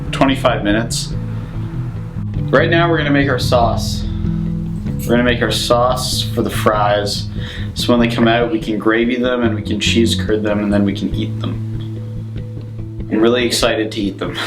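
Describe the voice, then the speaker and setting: A man's voice: lowish voice, low-quality recording. A slightly tipsy man casually talking through a cooking demonstration step by step, in an informal, rambling, offhand way. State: somewhat tipsy from drinking. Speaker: cooking show host. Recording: music playing behind the voice. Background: plucked guitar music.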